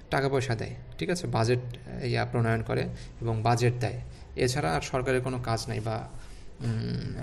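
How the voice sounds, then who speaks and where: A man with a medium-pitched voice and vocal fry teaches an online spelling lesson against slight background noise. He walks through the rules step by step and puts rhetorical questions to his students.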